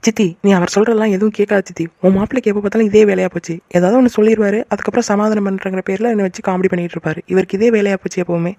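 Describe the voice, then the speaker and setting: A quick-tempered young wife in a cartoon who flares up at any teasing, voiced by a woman. She speaks extremely fast and sharply. The sound is dry and close. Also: medium pitch, fairly even intonation, no echo, close to an everyday voice. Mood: complaining. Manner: huffy, sharp-tongued. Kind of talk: cartoon voice acting.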